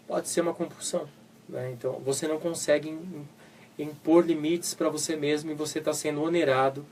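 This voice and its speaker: Still recovering from a flu, this Brazilian psychologist co-hosts a live web radio show in Brazilian Portuguese. His voice is fairly high but darkish, picked up far from the mic with a little hiss or hum. He stays casual, illustrating points with everyday examples and spoken asides.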